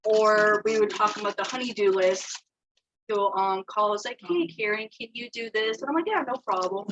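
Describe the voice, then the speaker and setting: A woman's voice: mid-range voice, moderate pace, a bit bright, slight background noise, poor audio. A woman giving an informal spoken eulogy at a memorial gathering, chatty, acting out quoted dialogue, laughing often. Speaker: family friend giving a remembrance.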